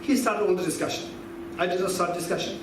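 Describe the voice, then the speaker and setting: A man in his fifties gives a conversational teaching talk, quizzing his listeners and repeating his key points. His voice sits somewhat high for a man. He is picked up from a distance in a very echoey hall, with steady noise underneath. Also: fast talker. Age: 50s. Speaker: Buddhist philosophy teacher. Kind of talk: teaching talk with audience questions.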